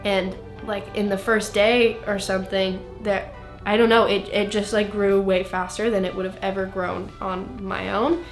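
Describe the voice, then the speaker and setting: A woman's voice: mid-range voice, level tone, normal speed, hardly any pauses, reverberant, faint music behind. A young woman in her twenties, a singer being interviewed, talking in a rambling, self-interrupting way with lots of fillers. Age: 20s. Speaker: singer-songwriter guest. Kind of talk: casual interview.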